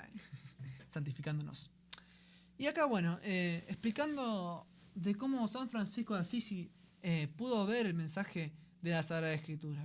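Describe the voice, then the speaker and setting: Hosting a radio show, a high-pitched man speaks with a Rioplatense Spanish accent. He teaches in a conversational way, often pausing to check in with the audience.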